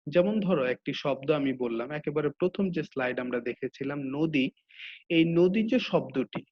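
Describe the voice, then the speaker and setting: Male teacher, Bangladeshi Bengali accent, patient and repetitive, slightly high voice, dull lo-fi audio. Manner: patient, repeats each rule twice. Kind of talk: slide-based grammar lesson.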